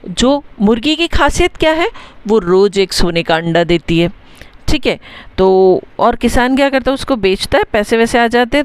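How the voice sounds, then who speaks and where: A young adult woman teacher giving a patient, chatty lesson, dictating English words slowly and spelling them out letter by letter. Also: a little high, smooth, no room sound. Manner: explains in a patient, chatty way, often checking in with the class. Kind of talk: bilingual story-writing lesson.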